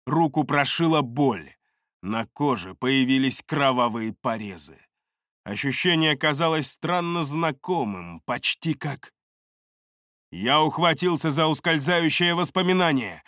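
A man reading first-person fantasy narration for an audiobook, calm and measured, on a close studio mic. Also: fairly high pitch, no echo.

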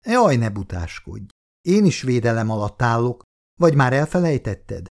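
Bold teasing lover woman in a storybook, a man reading her lines lightly higher. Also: very animated, gravelly, a little mellow. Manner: firm and teasing. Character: confident flirtatious woman, the lover.

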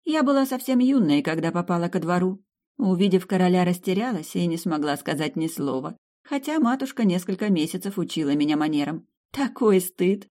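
A guileless young countess of dragon blood speaks softly and openly, a little shy, as a woman reader puts her on. Her voice sits higher than the reader's own low, mellow tone, and she talks with fond candor in an audiobook. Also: lively intonation, a little fast, close to an everyday voice.

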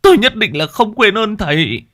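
A man's voice: high-pitched, big pitch swings, normal speed, pushed and bright, pitched above the performer's own voice, exaggerated voice. A man voicing a humble older village chief who speaks deferentially and pleads for help. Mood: pleading.

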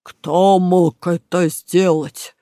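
A woman narrator becomes a grumpy bearded burglar from a children's tale. He talks in a low, slow grumble, as if every word is an effort, and he sounds a little far from the mic in a dry, close room. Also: gravelly, warm tone, no echo, exaggerated voice. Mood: angry. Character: gruff bearded male art thief, sulky.

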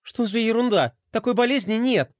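A man putting on a plucky, self-assured storybook girl who talks briskly and doubts what she hears. Her voice sits high and bounces around. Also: sing-song, no echo, clean studio sound. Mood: excited.

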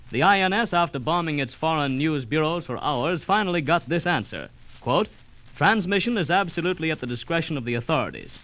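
A man reading a 1939 radio news bulletin in a formal, measured way. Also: fairly high pitch, a bit bright, a little hiss or hum, poor audio. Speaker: news announcer.

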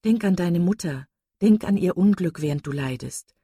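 A woman reading an audiobook and voicing a composed young woman who speaks earnestly and gently firm. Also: on the low side, expressive, normal speed, slightly rough, no room sound, studio quality.

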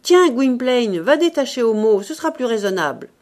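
A woman voicing a grumpy, sardonic old male showman in an audiobook, talking loudly and blustering. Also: on the high side, very animated, normal speed, pitched above the performer's own voice. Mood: bossy. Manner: loud, blustering, exclamatory. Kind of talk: audiobook reading.

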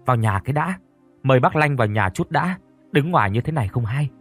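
A man's voice: medium pitch, animated, fast, slightly rough, faint music behind. A man playing a humble, earnest father who speaks politely and deferentially.

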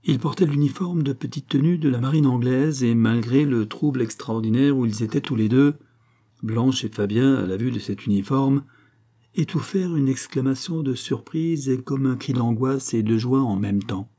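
A man reading a classic novel aloud as narrator, measured and dramatic. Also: mid-range voice, dark tone. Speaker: audiobook narrator. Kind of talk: scripted narration.

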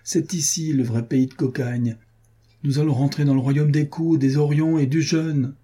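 A man's voice: on the high side, fairly even intonation, moderate pace, dark tone, husky, voice pushed up. A man reading as a grumbling manservant. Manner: plaintive, grumbling. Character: grumbling young male servant.

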